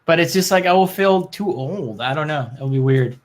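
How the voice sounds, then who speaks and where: A man's voice: a little high, expressive, moderate pace. A man co-hosting a show in casual chat, rambling and opinionated, with loose, sweary phrasing. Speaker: show co-host.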